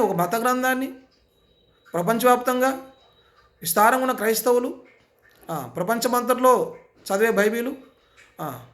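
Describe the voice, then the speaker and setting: A man with a notably high-pitched, fairly bright voice delivers an impassioned sermon. He drives his points home with repeated rhetorical questions and insistent appeals.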